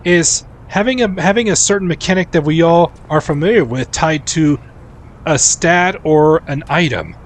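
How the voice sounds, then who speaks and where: A man's voice: a little high, normal speed. A man in his forties chatting casually and rambling, restarting sentences while he live-streams a game. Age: 40s. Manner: rambling, animated, restarts often.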